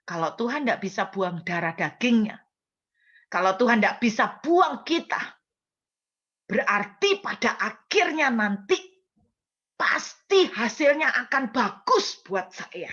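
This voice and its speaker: A woman pastor preaches in Indonesian with a Javanese lilt, earnest and turning often to the congregation. Her voice is bright and forceful. The recording sounds dull and lo-fi. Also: fairly high pitch, big pitch swings, slow pace, breathy edge. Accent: Javanese-inflected Indonesian. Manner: earnest, addresses congregation often, rises to emotional intensity. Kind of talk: sermon testimony. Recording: dull lo-fi sermon audio.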